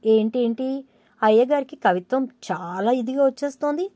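A woman voicing a feisty, witty young wife who answers back with sharp retorts. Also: a little high, lively intonation, no room sound, natural voice. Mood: sassy. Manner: quick, sassy retorts.

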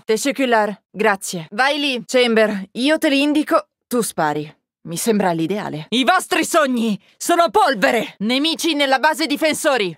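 A woman's voice: a little high, dry recording, close to an everyday voice. A woman voicing a cold, taunting nightmare hunter. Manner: cold, taunting, clipped callouts. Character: menacing young woman nightmare-hunter agent. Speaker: voice actress dubbing a game character. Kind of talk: game voice lines. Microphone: close studio mic. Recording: dry studio recording.

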